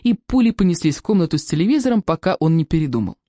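Lively reader of a children's audiobook. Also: medium pitch, rapid-fire, no room sound, clean studio sound. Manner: lively storytelling.

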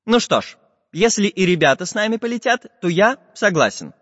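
A man's voice: sits high, very animated, fairly quick, a bit bright, dry recording, big-room sound, dull audio, voice pushed up, full character voice. A man voicing a small iron handyman who speaks plainly and matter-of-factly. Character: handy iron little man, calm tinkerer.

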